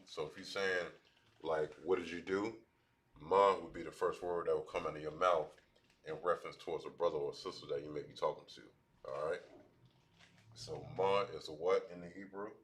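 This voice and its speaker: Deep-voiced man teaching at a board. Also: a bit bright. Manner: halting, many restarts and fillers. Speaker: language teacher. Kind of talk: classroom lesson at a board. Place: classroom.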